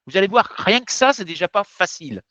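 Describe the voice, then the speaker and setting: Guy teaching a lesson, direct and emphatic, high lively voice, dry dull sound. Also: quick pace, dry recording. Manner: direct, emphatic, addresses viewers as vous. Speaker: French teacher. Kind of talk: explanatory lesson. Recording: dull, slightly muffled sound.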